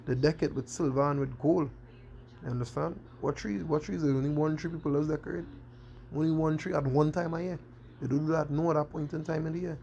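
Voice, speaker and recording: Gravelly preacher repeating "you understand?". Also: male voice, a little high, steady tone, fast, dark tone, lo-fi sound, a little hiss or hum. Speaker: street preacher. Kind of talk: scripture-quoting sermon.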